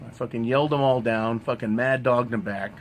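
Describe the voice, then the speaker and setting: A man's voice: medium pitch, fairly even intonation, fairly quick, slight background noise. Profane, combative man ranting. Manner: profane, combative, swears constantly; keeps tagging "right?" onto sentences. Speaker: vlogger. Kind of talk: ranting monologue.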